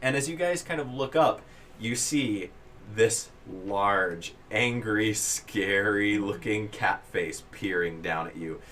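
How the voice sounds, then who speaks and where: A man narrating a tabletop role-playing game to his players as game master, building scenes in halting, drawn-out descriptions. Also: lowish voice, a bit bright, slight background noise.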